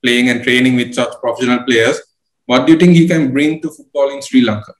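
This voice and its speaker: Young male host, halting questions, roomy webcam sound. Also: medium pitch, steady tone. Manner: measured, halting questions with many fillers. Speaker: interviewer. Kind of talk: interview questions. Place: room with bookshelves indoors. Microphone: video call webcam.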